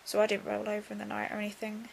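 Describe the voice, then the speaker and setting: Creaky-voiced young woman, subdued after surgery. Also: mid-range voice, monotone, rapid-fire, a little hiss or hum. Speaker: vlogger. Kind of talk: casual video diary.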